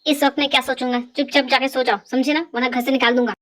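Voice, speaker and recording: A woman's voice: high voice, flat delivery, fast talker, close to an everyday voice. A woman voicing a cocky, bossy young man in an amateur fan dub. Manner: bossy, curt.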